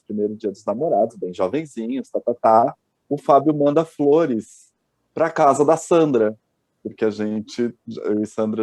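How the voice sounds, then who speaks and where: A man's voice: medium pitch, warm tone, no echo. A male host, telling stories in casual chat and often restarting his sentences. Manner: chatty, hesitant restarts. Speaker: podcast host.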